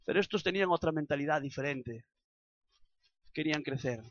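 A man with an accent from Spain preaching a sermon, building to loud impassioned passages and acted prayers. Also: a little high, a little fast, no room sound, highs cut off. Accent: Spanish from Spain.

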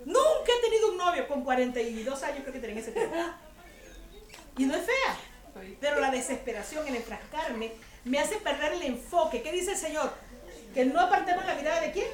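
High-voiced woman preaching in an echoey room. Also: animated, fairly quick. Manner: chatty, humorous, asks the audience rhetorical questions. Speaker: women's ministry speaker. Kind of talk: conversational sermon to a women's group. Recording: echoey room with faint ambience.

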